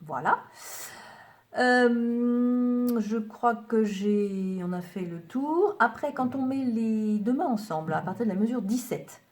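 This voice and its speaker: A woman's voice: a little high, takes it slowly. A woman piano teacher giving a patient lesson, counting beats aloud and naming notes and fingerings as she plays. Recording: piano playing loudly behind the voice.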